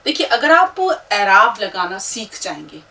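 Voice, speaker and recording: A woman teaching an Urdu lesson who spells out letters slowly and patiently, talking directly to her learners and asking them to repeat after her. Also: medium pitch, sing-song, pushed and bright, recorded from a distance, low-quality recording.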